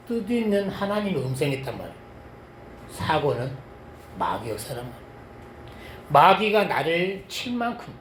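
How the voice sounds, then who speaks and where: High-voiced pastor preaching in an echoey church. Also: male voice, slight background noise. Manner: animated storytelling, swinging between loud exclamations and low asides. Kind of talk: sermon with personal testimony. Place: church sanctuary.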